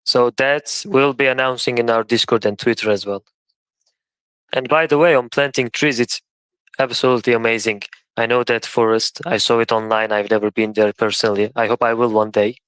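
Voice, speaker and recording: Man, thirties, chat guest; smooth clear voice, dry and close; eager explainer. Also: medium pitch, fairly even intonation, a little fast, a bit bright, dry recording, low-quality recording. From Romania. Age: 30s. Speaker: guest from a charity project. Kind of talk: casual chat on a live audio stream.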